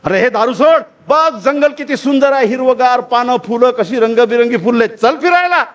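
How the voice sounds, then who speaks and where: A man's voice: high voice, normal speed, highs cut off, close to an everyday voice. A man voicing a preachy male rabbit who keeps lecturing forest animals in a coaxing singsong.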